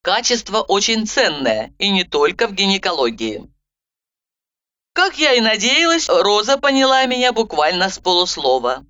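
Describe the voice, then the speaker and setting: A woman narrating a first-person story in a wry, lively way, on a dull lo-fi recording. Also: mid-range voice, normal speed. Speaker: audiobook narrator.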